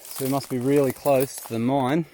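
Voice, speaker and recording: Out in the bush, an Australian man from New South Wales vlogs about poking around old abandoned mines, talking to viewers in an easygoing, informal, slang-heavy way and poking fun at himself. His mid-range voice is warm and level at a normal speed, with a faint hiss or hum in the background.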